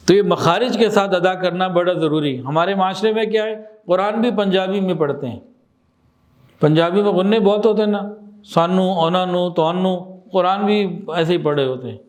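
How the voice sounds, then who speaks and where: High-voiced man giving a religious talk. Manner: explains with examples, asks the listener questions; repeats phrases slowly for emphasis. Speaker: Islamic teacher.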